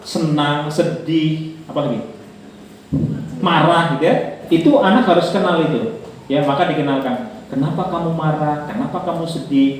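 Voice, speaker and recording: Man talking to parents in an echoey hall. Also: medium pitch. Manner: lively, asks the audience questions and jokes. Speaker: parenting seminar speaker. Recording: echoey hall from far off with faint noise.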